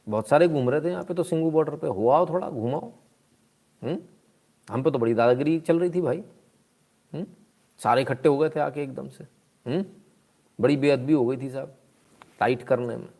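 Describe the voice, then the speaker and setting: A man's voice: medium pitch, a little mellow. A man hosting a live stream in casual commentary, exclaiming, asking rhetorical questions and reading out viewer comments.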